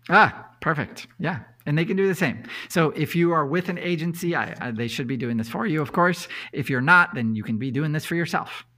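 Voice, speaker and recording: A man talking as the guest expert on a podcast, relaxed and chatty, with many fillers and easy laughs. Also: fairly high pitch, a little fast, few pauses. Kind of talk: casual podcast chat.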